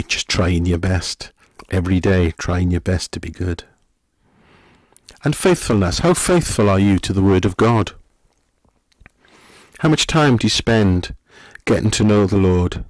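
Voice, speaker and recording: In a dry recording, a middle-aged pastor with a low voice delivers a gentle, conversational sermon, filling it with questions aimed at the listener.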